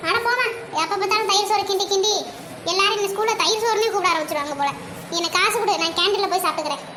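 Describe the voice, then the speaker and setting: An impatient little cartoon schoolgirl whines and pushes, voiced by a performer in a piercing, very high voice. Background hiss runs under it. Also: racing, echoey room. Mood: whiny. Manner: whiny, pushy. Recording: audible background noise.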